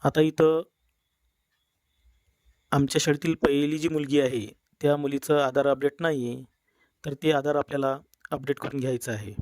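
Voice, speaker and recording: A man narrating a step-by-step software tutorial in a plain instructional manner. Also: fairly high pitch, no echo, studio quality. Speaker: tutorial presenter. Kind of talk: screen-recorded software tutorial.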